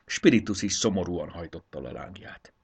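Gravelly, deep-voiced male storyteller. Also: a little hiss or hum. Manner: expressive, measured reading. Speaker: narrator. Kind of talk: storybook narration.

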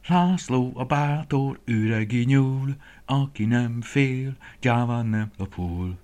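A man's voice: low voice, lively intonation, bright, forceful tone, husky, exaggerated voice. A man doing a cocky boastful little rabbit. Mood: sing-song boasting. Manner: cocky, sing-song boasting.

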